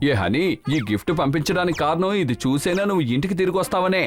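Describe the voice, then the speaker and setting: A man's voice: on the high side, animated, fast talker, close to an everyday voice. A man voicing a fussy, helpful parrot sidekick in a children's cartoon, chatty and pleading. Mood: coaxing. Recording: clear music behind the voice.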